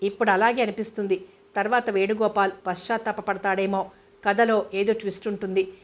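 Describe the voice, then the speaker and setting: A woman narrator voicing a tired, sharp-tongued elder sister in a novel reading. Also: medium pitch, flat delivery, a little fast, natural voice.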